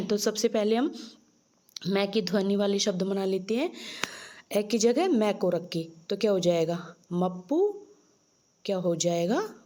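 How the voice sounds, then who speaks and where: A woman's voice: mid-range voice, warm tone. A woman teacher explaining a children's lesson, patiently asking questions and answering them herself. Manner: slow, patient, asks and answers her own questions.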